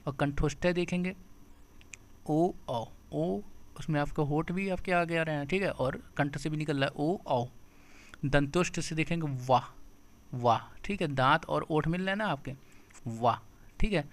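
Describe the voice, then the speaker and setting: A man's voice: fairly high pitch, unhurried. A male teacher giving an exam-prep grammar lesson, sounding out syllables one by one and repeating key points back as questions to his students. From India.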